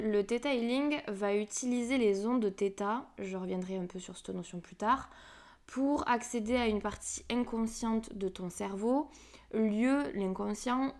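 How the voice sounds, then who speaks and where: Young woman, solo podcast host, fairly high voice, casual and chatty, self-mocking asides. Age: 20s. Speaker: podcast host, energy healer.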